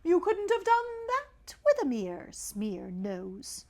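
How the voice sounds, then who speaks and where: A woman voicing a pompous know-it-all male python in a storybook, speaking in long-winded, drawn-out pronouncements. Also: extremely high pitch, huge pitch swings, pitched above the performer's own voice, full character voice. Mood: smug, instructing. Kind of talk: storybook read-aloud character.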